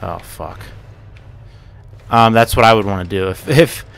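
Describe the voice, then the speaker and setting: A man's voice: lowish voice, unhurried, vocal fry, a bit bright. A young man casually narrating a horror game as he plays, rambling, swearing and muttering to himself, with yelps and curses when something jumps out at him. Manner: yelps and curses at jump scares. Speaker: gaming channel host. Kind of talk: let's play commentary.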